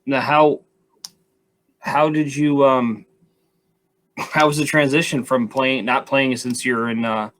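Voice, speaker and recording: A man's voice: mid-range voice, steady tone, slow, pauses often, a bit bright. Chatty male show host. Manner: chatty, filler-heavy questions. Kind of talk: casual interview hosting.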